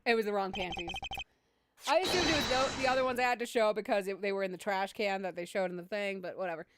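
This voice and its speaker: A woman doing casual gameplay commentary as a streamer, with loud game music behind her. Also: medium pitch, quick pace, noisy background.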